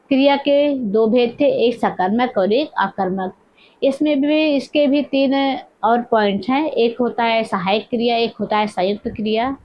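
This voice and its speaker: A woman teaching a grammar lesson, repeating each point and asking questions as she dictates the examples slowly. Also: on the high side, dull audio.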